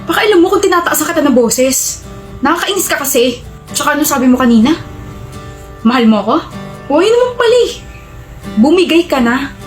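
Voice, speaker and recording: A woman's voice: sits high, big pitch swings, a little fast, long pauses, faint music behind. A woman playing a pushy, arrogant young male student who taunts and bosses his girlfriend around, in a role-play skit. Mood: domineering. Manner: taunting and domineering.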